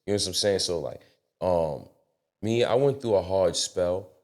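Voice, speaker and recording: A man telling a personal story as a guest on a casual studio talk show, profane and animated. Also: sits low, moderate pace. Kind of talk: casual podcast chat. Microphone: studio mic.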